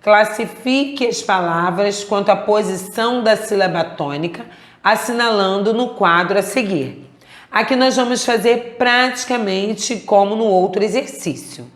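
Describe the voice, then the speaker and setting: A woman teacher with a Brazilian Portuguese accent giving a recorded class, speaking slowly and stretching out words to show their syllables. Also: mid-range voice. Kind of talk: recorded remote class lesson. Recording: echoey room.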